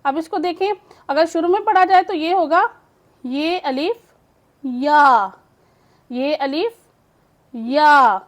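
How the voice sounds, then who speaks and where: High-voiced woman, super slow phonics teacher, repeats every word. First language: Urdu.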